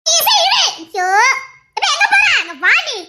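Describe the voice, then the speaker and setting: A strict tuition teacher , put on by a woman, fires nagging questions at her pupils. The voice sits very high and sounds bright and sharp. It is comic skit acting. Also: sing-song, measured pace, exaggerated voice. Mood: scolding.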